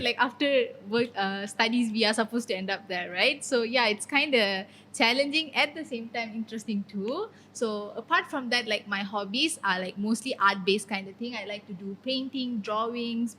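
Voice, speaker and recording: A woman's voice: on the high side, normal speed, few pauses, sharp tone, slight background noise, low-quality recording. Cheerful young woman student chatting. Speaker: student guest. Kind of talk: casual podcast chat.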